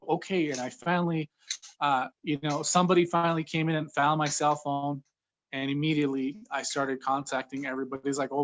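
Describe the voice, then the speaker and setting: Halting man in his thirties recounting. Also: on the high side, a bit bright, rough recording. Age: 30s. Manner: halting, with fillers and restarts. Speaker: COVID-19 survivor interviewee. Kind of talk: personal account in an interview.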